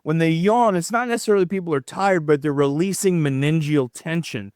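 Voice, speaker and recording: A middle-aged man, a chiropractor answering questions in a podcast interview, explaining in an animated, demonstrative way. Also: on the high side, brisk, clear, resonant tone, no room sound, clean studio sound. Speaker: chiropractor guest.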